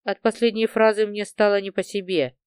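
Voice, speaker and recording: A woman narrating a first-person crime novel in an even storytelling voice. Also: medium pitch, a little fast, clean tone, no echo, studio quality. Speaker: audiobook narrator.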